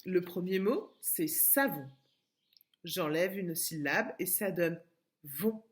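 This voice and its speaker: A woman with a French accent giving a remote phonics lesson to young children, with careful, clearly split syllables and patient explanations. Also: fairly low pitch, takes it slowly. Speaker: kindergarten teacher.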